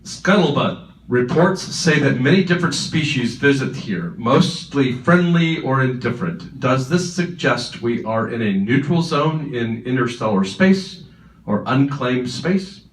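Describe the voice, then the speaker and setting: A man's voice: mid-range voice, lively intonation. A man moderating a conference Q&A, reading out questions in a lighthearted manner. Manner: lighthearted, quick to laugh. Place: conference hall. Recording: echoey hall from far off, faint noise.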